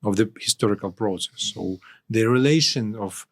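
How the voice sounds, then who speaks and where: A man from Ukraine, speaking as a guest analyst in an interview, with halting phrasing and frequent restarts. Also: lowish voice, gravelly. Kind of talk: interview discussion.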